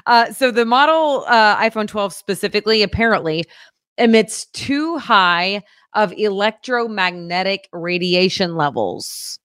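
A woman co-hosting a casual local news show, chatting in an upbeat, animated way. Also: medium pitch, measured pace, clean tone, no echo, clean studio sound.

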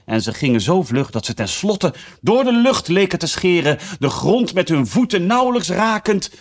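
A man reading a children's storybook aloud, narrating in an expressive way. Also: sits high, moderate pace.

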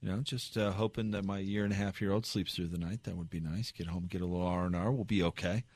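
A man hosting a postgame sports show, talking in a relaxed, tired late-night way with fillers. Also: sits low, fast talker, breathy edge. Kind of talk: sports talk.

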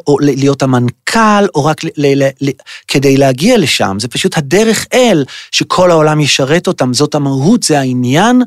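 A man hosting a podcast, giving an animated, mocking monologue that he keeps breaking up with acted voices. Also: medium pitch, no echo, clean studio sound. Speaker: podcast host. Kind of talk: lecture-like monologue.

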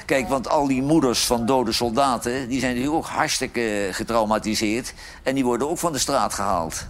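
A man talking in a mid-pitched voice at an everyday pace, blunt and outspoken. He swears freely and delivers hard opinions in a casual studio debate. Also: normal speed. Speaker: studio pundit. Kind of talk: casual talk-show debate.

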